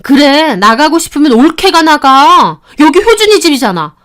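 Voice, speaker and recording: A woman voicing a sharp-tongued, contemptuous sister-in-law with a raised voice. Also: fairly high pitch, expressive, slow. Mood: scornful.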